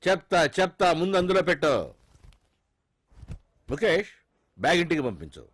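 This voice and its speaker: A man's voice: high-pitched, sing-song, normal speed, no room sound. An actor playing a corrupt male police officer who teases and bosses a thief. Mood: sly. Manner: sneering, teasing, bossy. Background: film score.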